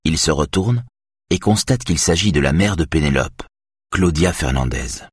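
A man narrating an audiobook in a measured, even way. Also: a bass voice, husky, no echo, studio quality. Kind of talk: scripted narration.

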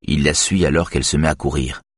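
Deep husky male narrator. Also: fairly even intonation, a little fast, no echo, clean studio sound. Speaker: audiobook narrator. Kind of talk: scripted narration.

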